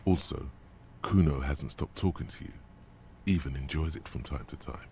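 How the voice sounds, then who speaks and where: A deep gravelly game narrator. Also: male voice, warm tone, slight background noise. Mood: calm coaching. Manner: grave, measured, coaching. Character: man, stern inner narrator voice of a detective. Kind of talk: video game voice acting.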